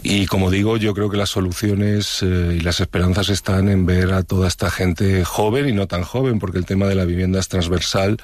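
A man from Madrid, a novelist guest, talking thoughtfully in an interview and often pausing to restart his phrases. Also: low-pitched, steady tone, a little mellow, no echo. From Madrid, Spain. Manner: thoughtful, with frequent restarts and hesitations. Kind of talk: reflective interview talk.

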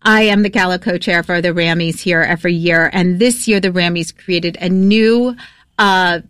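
A woman co-hosting a casual talk show, bubbly and quick to laugh, sometimes stumbling over her words. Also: on the low side, steady tone, fairly bright tone, clear, resonant tone, dry recording, studio quality. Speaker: radio show co-host. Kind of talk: casual chat.

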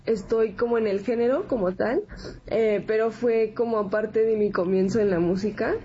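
A woman in her twenties from San Antonio, Texas, an accordion musician with a Mexican accent, explains herself conversationally as a guest in a casual interview. Her voice is a little high, dark and fairly even at a normal speed, with dull audio and ambient background noise.

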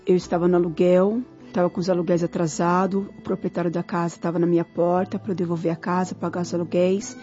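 A woman's voice: medium pitch, dark tone, breathy edge. A woman giving an earnest, grateful church testimony, repeating her thanks, in a dull lo-fi recording with faint music.

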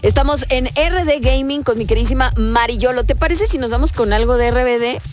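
A woman's voice: sits high, a little fast. A woman with a Mexican accent hosting a radio show casually, talking affectionately to her guest. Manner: affectionate, laughs often. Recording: music playing behind the voice. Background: music.

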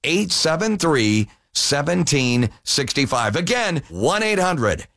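Radio infomercial host guy, pushy announcer, kinda high voice, dry. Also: sing-song, slow, gravelly, fairly bright tone, dry recording. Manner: pushy announcer, repeats the phone number. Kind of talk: infomercial pitch.

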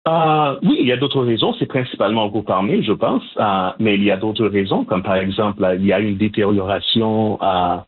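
On a phone line, a low, husky-voiced man from Montreal, Canada, a Haitian community organizer, responds to interview questions as a guest. He is animated but measured and hesitant, restarting frequently.

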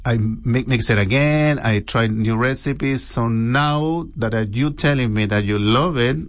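A man from Chile with a Chilean Spanish accent, a restaurant cook speaking in an interview, halting and often restarting, saying "you know" a lot. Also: mid-range voice.

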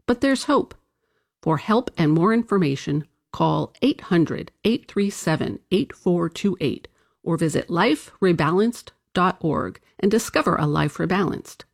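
A woman reading a scripted public service announcement in a clear, measured way. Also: lowish voice, a little mellow.

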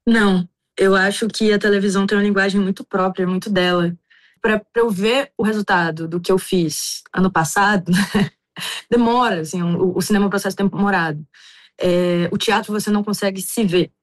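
Woman from bahia answering interview stuff, thoughtful, restarts a lot, mid pitch. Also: fairly even intonation, moderate pace. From Brazil, Bahia. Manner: reflective, with frequent restarts. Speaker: actress, interview guest.

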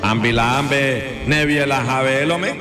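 A man's voice: mid-range voice, takes it slowly. A man telling comic radio stories in scrambled-syllable nonsense words. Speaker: radio comedy storyteller. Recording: music playing behind the voice. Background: music.

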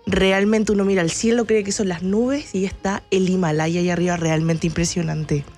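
A woman's voice: lowish voice, fairly even intonation, normal speed, a little mellow, faint music behind. A Chilean woman, a guest on a radio show, talking with enthusiasm about travel and laughing easily. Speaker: travel agency press chief, guest.

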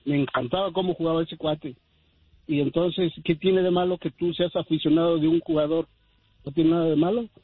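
A man's voice: on the high side, fairly even intonation, moderate pace, husky, no room sound. A man calling in to a radio show, rambling as he defends himself. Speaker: caller. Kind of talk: phone-in chat. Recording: tinny phone line.

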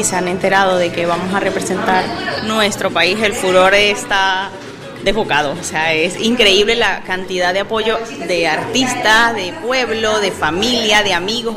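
A woman's voice: medium pitch, fairly even intonation, normal speed, over loud music. A Venezuelan woman with a Venezuelan accent, speaking with emotion and enthusiasm in a radio interview. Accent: Venezuelan Spanish.

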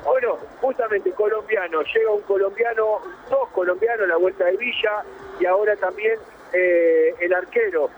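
An Argentine man reporting live from a stadium and chatting with arriving fans. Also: high voice. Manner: chatty, quick questions to fans. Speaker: field reporter. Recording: tinny phone-line feed with noise.

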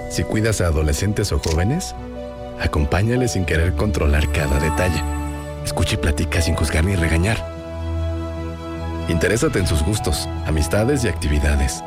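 A man reading a calm public service announcement. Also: sits low, moderate pace. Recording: music bed under voice-over.

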